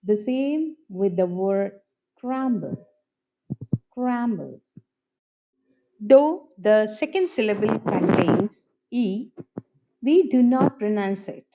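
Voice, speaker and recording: A woman teacher giving a phonetics lesson, speaking slowly and carefully and saying each example word twice. Her pitch moves a lot as she stresses the words. The recording sounds dull and lo-fi. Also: animated, dark tone, a little hiss or hum. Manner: slow and deliberate, repeating each example word. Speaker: English teacher.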